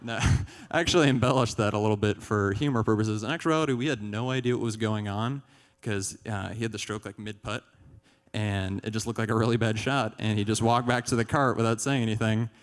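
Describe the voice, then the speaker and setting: A young man performs a deadpan stand-up set into a stage mic, his voice smooth and clear. His delivery is dry, and he chuckles at his own jokes. The sound carries a long hall reverb. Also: lowish voice, brisk. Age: young adult. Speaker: stand-up comedian.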